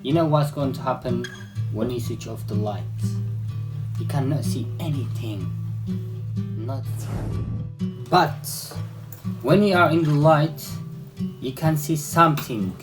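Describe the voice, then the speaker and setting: Guy narrating slow and thoughtful over soft guitar, mid voice, takes his time. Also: medium pitch, lively intonation. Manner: slow and measured, building an image step by step. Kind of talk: reflective spoken narration. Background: guitar music.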